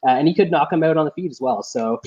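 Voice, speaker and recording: A man's voice: fairly high pitch, fast talker, a little mellow, lo-fi sound. Blunt man making betting picks. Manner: blunt, confident betting talk with filler "uh"s. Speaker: podcast co-host. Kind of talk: casual fight-analysis chat.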